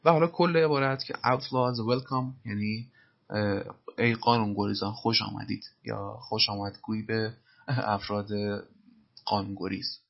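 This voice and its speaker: A man's voice: on the low side, fairly even intonation, vocal fry, lo-fi sound. A man teaching English through film lines, explaining phrases patiently and methodically. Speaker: language teacher.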